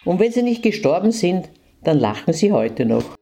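A woman reading a fairy tale to children, in a gentle manner and speaking to them directly. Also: on the low side, big pitch swings, normal speed, gravelly, faint music behind.

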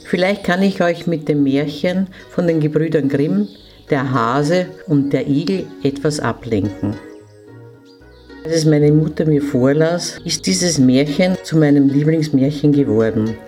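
A woman reading a fairy tale to children, in a gentle manner and speaking to them directly. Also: sits low, a little slow, faint music behind.

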